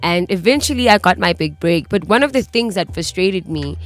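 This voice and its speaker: Young South African actress, lower register, chatty and animated as an interview guest. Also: female voice, a little fast, dry recording. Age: young adult. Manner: chatty, animated, many likes and you knows. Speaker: guest actor. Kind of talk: casual interview chat.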